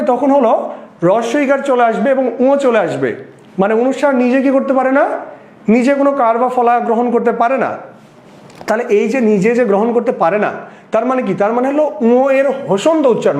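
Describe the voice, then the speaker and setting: A man's voice: very high voice, normal speed, a little mellow. A man teaching a recorded exam prep lesson in a Bangladeshi Bengali accent. He asks the class questions and then answers them himself. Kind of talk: recorded lecture. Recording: echoey room.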